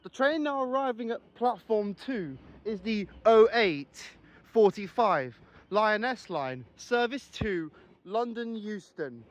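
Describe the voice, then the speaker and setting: A man's voice: high-pitched, animated, takes it slowly, slight background noise. A man doing his own train station announcements on a railway platform, reading out platforms, times and destinations in a formal announcer cadence.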